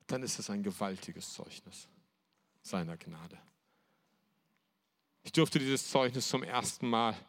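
A man's voice: medium pitch, gravelly, fairly bright tone. A man preaching a sermon to a church gathering, speaking emphatically and repeating key phrases.

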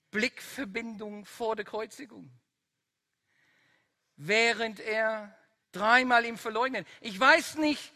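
Slow bright-toned preacher. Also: medium pitch. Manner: slow, emphatic, building to loud climaxes. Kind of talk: sermon.

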